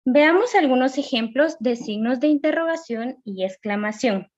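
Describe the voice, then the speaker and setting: A woman teacher giving a recorded grammar lesson, reading rules and examples slowly and carefully. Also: high-pitched, expressive, a little mellow, dull audio.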